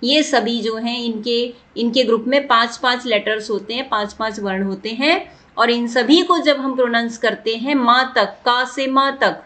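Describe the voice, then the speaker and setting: A woman's voice: a little high, moderate pace, fairly bright tone. A woman teaching a grammar lesson, patiently repeating points and asking her students questions. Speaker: Sanskrit teacher. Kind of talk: classroom lesson explanation.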